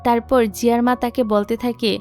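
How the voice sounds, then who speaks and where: A woman with a somewhat high voice narrates a drama's plot in a steady, scripted storytelling manner. She reads the characters' quoted lines plainly, without putting on voices. Quiet music plays underneath. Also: normal speed.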